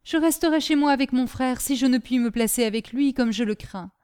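A woman's voice: sits high, fairly quick, darkish tone, clear, resonant tone, lightly acted. A woman doing a polite, firm young seamstress. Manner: courteous but firm.

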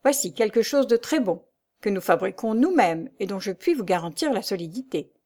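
A woman reading the lines of a polite, helpful shopkeeper in an audiobook, in a brisk sales tone. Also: medium pitch, expressive, a little mellow, close to an everyday voice. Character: polite middle-aged woman shopkeeper selling knives.

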